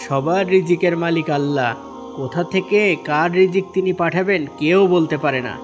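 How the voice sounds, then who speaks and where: In Bengali cartoon dialogue, a man voices a kind, devout, patient fisherman husband who explains things with assurance and sounds grateful and pious. His voice is on the high side, close to everyday speech, at a moderate pace, with music playing behind it.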